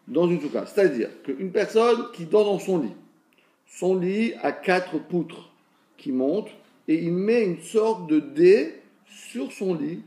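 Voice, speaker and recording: Male Torah teacher, fairly high voice, echoey room, stop-start explaining. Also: mellow. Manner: repeats and restarts words, asks and answers his own questions. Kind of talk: Talmud lesson.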